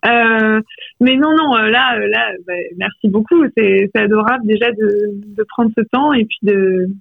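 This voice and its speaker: Author guest on a phone call, heard through a thin landline, close and dry, thoughtful and searching in delivery. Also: female voice, fairly high pitch, normal speed, gravelly, dry recording. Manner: reflective, searching for words. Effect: heard over a landline phone line. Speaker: author interviewed about her poetry. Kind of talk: radio interview by phone. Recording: tinny, dry phone line.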